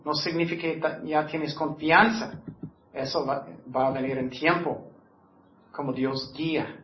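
High-voiced preacher man in an echoey room. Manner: acts out listeners' complaints in a higher, louder voice; drops to soft, quiet reassurance. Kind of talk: sermon. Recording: echoey, dull lo-fi room sound.

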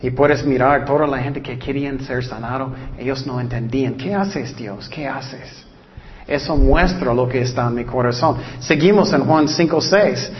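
Female preacher, earnest and steady, reads verses slowly; muffled, lo-fi sound. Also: extremely low pitch, slight background noise. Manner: earnest, slows down to read scripture verses. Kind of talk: sermon.

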